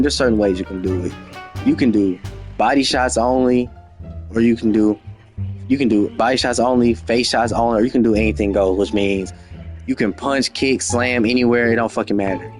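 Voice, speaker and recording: A man's voice: medium pitch, darkish tone. A young man telling a story from his own life, with lots of slang and profanity, acting out the dialogue himself. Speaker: storyteller, channel host. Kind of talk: casual storytime monologue.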